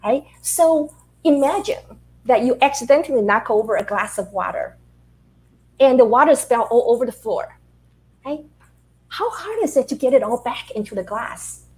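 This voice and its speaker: A middle-aged Taiwanese woman who writes about leadership answers interview questions animatedly, telling stories and posing rhetorical questions. Her voice is a little high and moderately paced, and the recording is rough.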